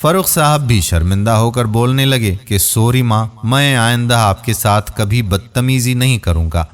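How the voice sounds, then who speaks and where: A man's voice: medium pitch, a bit bright. Man narrating a moral story. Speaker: storyteller host.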